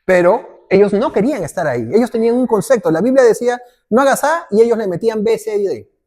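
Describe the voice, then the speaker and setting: A man's voice: sits high, lively intonation, fast, darkish tone. A male pastor preaching a sermon in a conversational way, often checking in with the congregation and briefly acting out little quotes.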